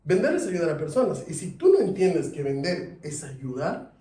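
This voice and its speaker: A man teaching a sales class, lively, asking his students questions. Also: a little high, moderate pace. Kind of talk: classroom lecture. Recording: echoey room, mic at a distance.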